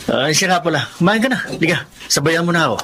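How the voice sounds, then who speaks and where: A man's voice: on the high side, expressive, fast, background noise. A young man playing the friendly son of a rich family in a radio drama, coaxing and kind. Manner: warm, coaxing.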